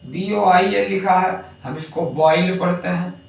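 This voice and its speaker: A man's voice: sits high, fairly even intonation, unhurried, gravelly. A man teaching English phonics, spelling out words letter by letter and then saying them. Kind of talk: phonics lesson. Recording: echoey room, distant mic.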